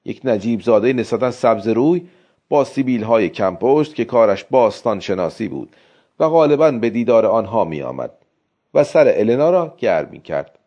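A man narrating a story in the first person as an expressive audiobook reader. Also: mid-range voice. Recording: dull lo-fi recording.

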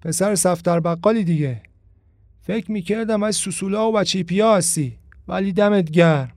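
A brash street-tough young man voiced by a male reader speaks in swaggering, slangy bursts, louder than the narration around him. His voice sits high, and the recording is dry and close, with no room around it. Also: no room sound.

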